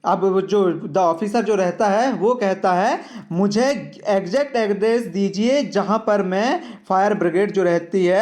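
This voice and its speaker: A man, teaching an English lesson to children and explaining each line patiently. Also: high-pitched. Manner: slow, patient, addresses children directly. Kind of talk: reading an English worksheet aloud and explaining it in Hindi.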